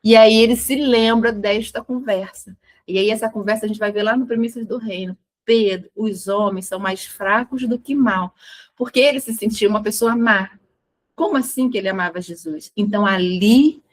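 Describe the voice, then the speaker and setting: Earnest woman retelling scripture. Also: fairly high pitch. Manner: earnest storytelling, voicing quotes with restarts. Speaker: study group speaker. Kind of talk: spiritual study talk, retelling scripture.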